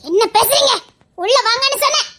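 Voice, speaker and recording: A woman's voice: very high-pitched, animated, a little fast, pushed and bright, exaggerated voice. A woman with a Tirunelveli Tamil accent voicing a devoted young woman who soothes and coaxes. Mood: worried. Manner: coaxing, soothing, insistent. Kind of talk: amateur dramatic dialogue.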